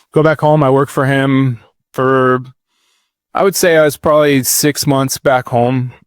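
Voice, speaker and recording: Recorded at studio quality with no room sound, a medium-pitched voice with vocal fry belongs to a podcast guest in his thirties. He rambles laid-back through his life story in a casual interview, saying "like" and "dude" a lot.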